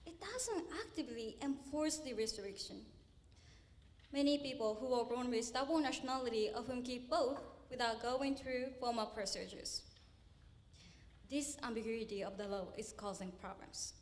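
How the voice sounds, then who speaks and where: Young woman from Japan, bright high voice, earnest contest speech with pointed pauses. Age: young adult. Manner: earnest, with deliberate emphatic pauses. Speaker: university student speech contestant. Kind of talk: memorized speech contest address. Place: university auditorium stage.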